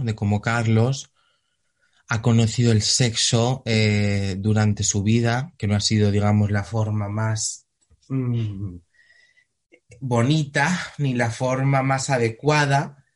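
A man's voice: mid-range voice, slow. A young man from Spain, an actor, chatting animatedly. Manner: animated, laughing, theatrical outbursts. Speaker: actor, interview guest. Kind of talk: casual interview chat.

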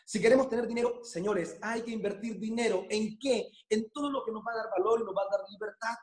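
A man's voice: high voice, brisk, a little mellow. A man giving a motivational business training talk, emphatic, repeating phrases and asking for agreement. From Spain. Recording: echoey room.

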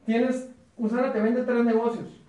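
A man with a Mexican accent gives a chatty, joking business presentation to a small group, often questioning the room to check they're following. His voice is very high and dark in tone, with little pitch movement and a moderate pace, and the recording has a roomy echo.

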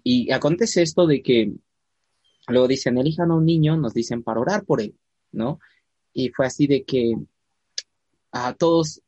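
Lively and medium-pitched, this man shares a church testimony in casual talk, imitating the people he quotes and slowing down to stress key moments. The sound is lo-fi with no room ambience.

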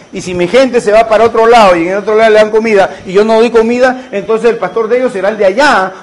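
Pastor guy preaching, fairly high voice, keeps asking the crowd questions. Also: poor audio. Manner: preaching with rhetorical questions to the congregation. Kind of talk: sermon.

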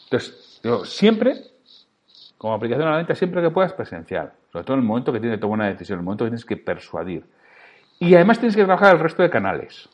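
Man, Spanish accent, podcast host, animated pitch, emphatic coaching delivery, middle voice. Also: fast talker. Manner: lively, emphatic, coaching the listener directly. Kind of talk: solo instructional podcast.

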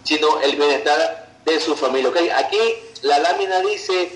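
Guy doing a business pitch, kinda high voice, keeps saying ok, echoey room. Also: moderate pace, a bit bright. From Venezuela. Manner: persuasive, tags sentences with "ok" and "verdad". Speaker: business presenter. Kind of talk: online business presentation.

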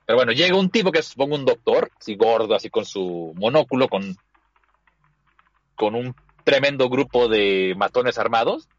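A man's voice: medium pitch, animated, moderate pace, no room sound, lo-fi sound. A man hosting a casual chat, animatedly retelling an anime episode and acting out the characters' lines. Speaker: podcast host.

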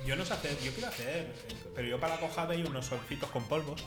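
A man's voice: fairly high pitch, fast. A man co-hosting a casual show, chatting and telling stories with friends, laughing often. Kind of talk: casual banter among friends. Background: music playing.

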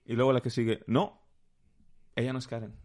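Lively Mexican man teaching with examples. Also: mid-range voice, a little fast. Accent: Mexican Spanish. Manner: animated, teaching with playful examples. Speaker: guest speaker.

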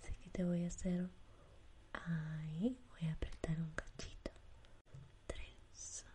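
A woman with a Rioplatense Spanish accent doing a whispered role-play as an ASMR spa attendant, in a soothing sleep-narrator manner with gentle repetition and diminutives. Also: sits low, little pitch movement, takes it slowly. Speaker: ASMR performer giving a pampering spa treatment.

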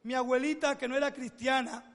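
A man's voice: very high-pitched, steady tone, a little fast, fairly bright tone. A man preaching a sermon to his congregation as pastor, emphatic and drawing out long lists of words. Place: church hall. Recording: long church reverb.

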